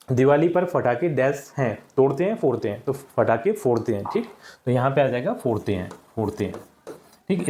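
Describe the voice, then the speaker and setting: A man's voice: mid-range voice, a little mellow. A male teacher patiently walking children through worksheet answers, often repeating words and checking in with "ठीक".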